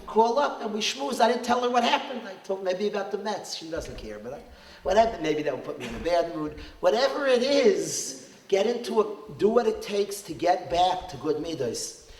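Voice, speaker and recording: Animated high-voiced rabbi, roomy hall. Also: male voice, normal speed. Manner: animated, rising to emphatic peaks, mixes Hebrew and Yiddish terms. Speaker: rabbi and school principal. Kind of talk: inspirational talk to parents. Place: event hall.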